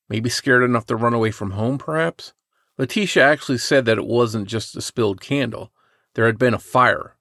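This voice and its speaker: A man co-hosting a podcast, reading a true crime story from a script in a measured way. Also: medium pitch, a bit bright, no echo, clean studio sound. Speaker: podcast co-host.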